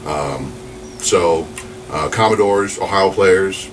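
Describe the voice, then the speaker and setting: Low-voiced chatty radio DJ in his forties. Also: slow pace. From New Mexico, USA. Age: 40s. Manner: rambling, upbeat, chatty with many fillers. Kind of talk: casual interview chat. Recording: distant mic with noisy background.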